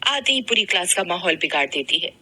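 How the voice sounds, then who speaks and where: A woman's voice: lowish voice, big pitch swings, brisk, background noise. A woman voicing a rich, snobbish young college girl in a cartoon story, speaking in a mocking, haughty way.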